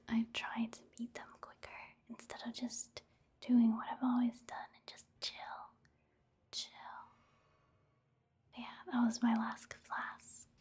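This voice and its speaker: Over video game footage, a woman offers whispered, soft-spoken ASMR commentary, gentle, relaxed and unhurried. Her voice is fairly high with a breathy edge.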